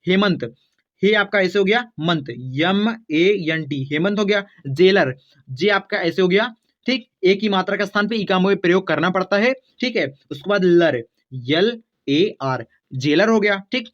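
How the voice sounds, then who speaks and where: A man's voice: sits high, moderate pace, a bit bright. A man teaching a beginners' spelling lesson, spelling words out letter by letter and often checking in with his students. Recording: dull lo-fi sound.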